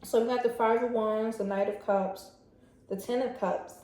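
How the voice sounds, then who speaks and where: A woman's voice: a little high, steady tone, moderate pace, warm tone. A woman giving a casual pick-a-card tarot reading, chatty and speaking straight to her viewers with lots of fillers. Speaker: tarot reader. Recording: very echoey room.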